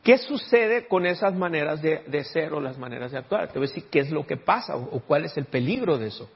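A man's voice: fairly high pitch, lively intonation, fairly quick, creaky, breathy edge, lo-fi sound. A male pastor preaching a sermon, often turning to the congregation with questions. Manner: keeps asking the congregation rhetorical questions.

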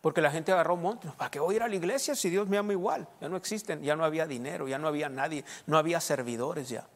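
A man with a Sonoran Mexican accent, a pastor preaching a sermon with lively asides and jokes to his congregation. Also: on the high side, fast, long reverb tail. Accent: Sonoran Mexican Spanish. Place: church.

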